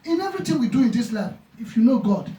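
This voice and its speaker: A pastor with a very high-pitched, mellow voice preaches with passion, talking fast and very animated. He repeats his phrases and acts out conversations, retelling dialogue. The mic sits far off in an echoey church room.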